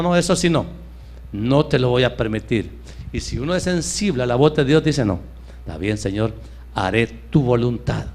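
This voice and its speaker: A middle-aged man preaching a sermon as pastor, rising to emphatic peaks and dropping to soft low asides. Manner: fervent preaching, swings between raised emphatic lines and soft low asides.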